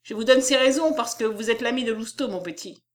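Brief: a woman putting on a pompous, bossy male publisher, condescending and loud, storybook reading. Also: a little high, brisk, voice pushed up, natural voice. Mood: boastful. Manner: boastful, condescending. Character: pompous fat middle-aged male publisher, domineering.

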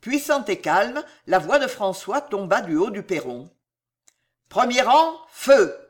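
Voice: mid-range voice, breathy edge. A reader giving a dramatic narration of a historical adventure novel. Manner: slow, lively dramatic reading. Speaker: audiobook reader.

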